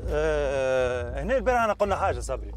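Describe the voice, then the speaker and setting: Fast-talking Tunisian man reviewing a car. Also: a little high, very animated. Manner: chatty, mixes in French words. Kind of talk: casual test-drive chat. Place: outdoors in desert, then inside a car. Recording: music playing under the voice.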